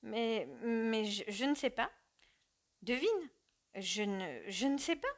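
Distressed middle-aged mother, soft trembling voice, hesitant, voiced by a woman narrator. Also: a little high, lively intonation, slow.

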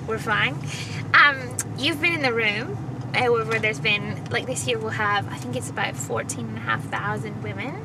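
A woman's voice: on the high side, normal speed. A woman hosting a casual interview while she drives, asking bubbly, eager questions. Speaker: host, driver. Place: inside a moving car. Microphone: dashboard camera mic. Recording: loud car and road noise.

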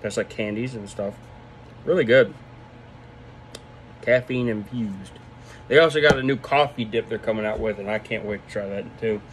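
A man in his twenties giving a casual, halting, laid-back product review while talking with a lip full of dip. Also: on the low side, a little hiss or hum, rough recording. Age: 20s. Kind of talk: casual vlog review, off the cuff. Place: small room indoors. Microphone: phone at arm's length.

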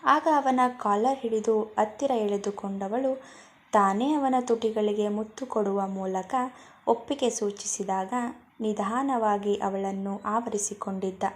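A woman reading a romance story aloud as a gentle storyteller, in scripted narration. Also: mid-range voice, steady tone, unhurried.

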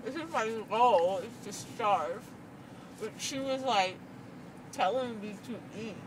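With a numb mouth stuffed with gauze after dental surgery, a young woman rambles giddily and loopily, her words slurred. Her voice is on the high side and lively in intonation, and she speaks slowly. It's a casual chat inside a car, caught from a little away on a handheld phone, with road noise in the distant recording.

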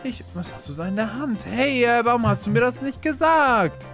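Excitable man hosting a game roleplay. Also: extremely high pitch, soft background music. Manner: excitable, repeats words rapidly when panicking; addresses viewers directly as "Leute". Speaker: channel host and roleplayer. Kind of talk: Minecraft roleplay commentary.

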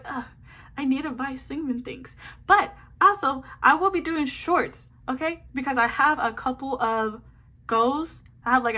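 A photocard-collecting vlogger chats casually while sorting cards into a binder, bubbly and slangy, with plenty of little asides. Her voice sits high and is a bit bright. She films at an indoor table, with her hands shown working on the binder.

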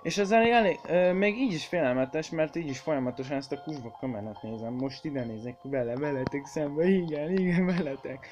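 A man's voice: a little high, hardly any pauses, a little mellow. A man hosting a horror game let's play, swearing, jumpy and shrieking whenever something startles him, and chatting to viewers he calls kids. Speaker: gaming channel host.

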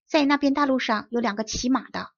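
Storybook brave boy, eager and earnest, read by a woman with a husky voice. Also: high-pitched, a little fast, muffled recording, pitched above the performer's own voice. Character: brave young Italian boy scout, eager, fearless.

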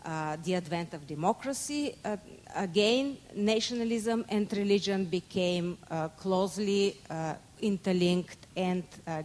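A woman in her forties, originally from Bulgaria, speaks as a conference lecturer in a somewhat low voice. She talks into a handheld microphone in an indoor conference room, pausing often and correcting herself. A faint hum sits underneath. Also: a little mellow. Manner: measured, many hesitations and self-corrections. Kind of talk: academic conference talk.

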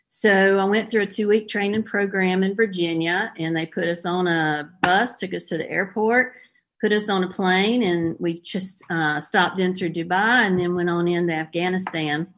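A woman's voice: fairly low pitch, fairly bright tone. A middle-aged woman with a Southern US accent, a former police officer telling her story plainly as a guest in an interview.

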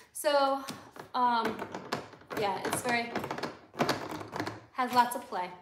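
A woman in her thirties with an Upper Midwest American accent hosts a livestream, chatting casually and giggling through a slow-paced show-and-tell. Her voice is a little high. She's in a small indoor salon room with barber chairs, picked up by a camera a few feet away in an echoey space with faint noise.

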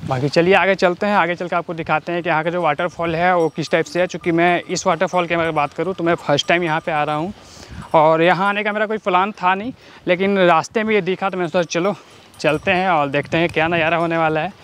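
A man's voice: high voice, steady tone, fast, fairly bright tone, poor audio. A young man in his twenties narrating a casual travel vlog outdoors, chatting with viewers as he walks and rides. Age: 20s. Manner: chatty, keeps addressing viewers as brother. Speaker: travel vlogger. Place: outdoors on roads and forest trails. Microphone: handheld action camera and bike-mounted camera. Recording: outdoor noise on a camera mic.

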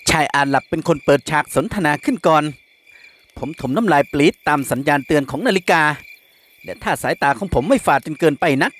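A man giving a steady, measured first-person reading of a thriller novel. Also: on the high side. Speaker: audiobook narrator.

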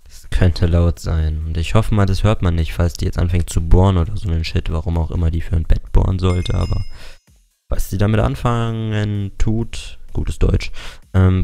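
A young man with a low, mellow voice rambles through casual game commentary from his room at home. He talks loosely and drops the odd curse word. Faint game music plays underneath. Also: gravelly. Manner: chatty, rambling, swears casually. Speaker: gaming YouTuber. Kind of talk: casual Let's Play commentary. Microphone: desktop mic with facecam.

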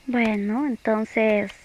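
A woman playing a playful, pouty young girlfriend in an ASMR role-play, speaking slowly and coaxingly with teasing hums and pauses. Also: on the high side, darkish tone, a little hiss or hum.

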